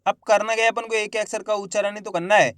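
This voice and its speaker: A man teaching Hindi reading, sounding out each syllable loudly and then blending it into the word, encouraging his viewers as friends. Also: high voice, fairly even intonation, fast, clear, resonant tone, no room sound, studio quality. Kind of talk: slow syllable-by-syllable reading lesson.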